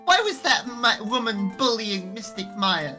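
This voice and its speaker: A woman's voice: mid-range voice, sing-song, unhurried, bright, forceful tone, soft background music, voice pushed up. A woman doing a polite little girl. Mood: earnest. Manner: innocent, formal, polite. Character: polite earnest eight-year-old girl. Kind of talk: fan voice-over of a game.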